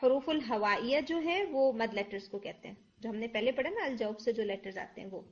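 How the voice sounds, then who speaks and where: A woman's voice: a little high, lively intonation, dull audio. A woman teaching tajweed in Urdu, explaining patiently and mixing in English words. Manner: demonstrates letter sounds aloud. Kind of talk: online lesson.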